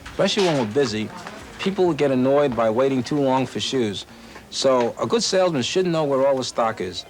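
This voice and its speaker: An animated man with a Western Pennsylvania accent tells stories from the shoe shop floor, slipping into his customers' voices. He sounds keen and wholly caught up in his trade. It is an 1980s TV news recording with a faint wash of ambience behind him. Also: medium pitch, normal speed, a little hiss or hum. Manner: eager, animated storyteller acting out customers. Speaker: shoe salesman. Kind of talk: interview and on-the-job talk. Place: busy shoe store.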